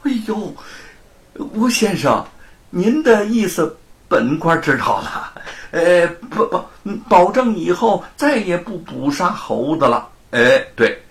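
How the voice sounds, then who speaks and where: A man's voice: sits high, sing-song, slow, pitched above the performer's own voice, full character voice. Man doing a fawning sly magistrate. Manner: ingratiating, flustered. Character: fawning, cunning county magistrate, middle-aged man.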